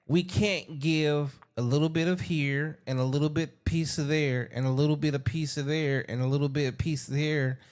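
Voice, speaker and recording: A man hosting a casual call conversation, talking in an emphatic way, repeating himself and slowing down to stress his points. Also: fairly high pitch, fairly even intonation, a little mellow. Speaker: host.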